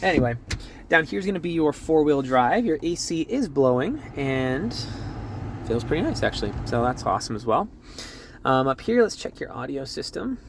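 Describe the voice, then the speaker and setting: Young male salesman, casual walkthrough, a bit high-pitched, light outdoor hum behind. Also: very animated. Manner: easygoing, laughs often, quick asides. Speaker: car dealership salesman. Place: car dealership lot and vehicle interior.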